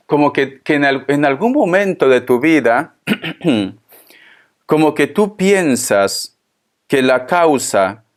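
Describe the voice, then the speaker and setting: A man reading tarot cards aloud for viewers, taking his time over every phrase. He repeats himself often and speaks to the listener gently and reassuringly. His voice sits at an ordinary pitch for a man. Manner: slow, repetitive, consoling, addresses the listener tenderly. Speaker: tarot reader.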